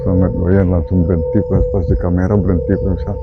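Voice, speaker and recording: Low-voiced man, dull ghost-hunt recording. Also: flat delivery. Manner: short halting phrases, addressing viewers. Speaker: paranormal investigator and presenter. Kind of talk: night ghost-hunt vlog commentary. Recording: dull lo-fi audio, loud eerie music. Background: loud music with singing-bowl tones.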